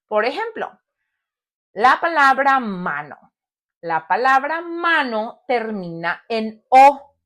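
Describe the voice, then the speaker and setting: A woman's voice: medium pitch, fairly bright tone. A woman a bilingual lesson, patient, repeating words and asking the learner questions. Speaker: Spanish teacher.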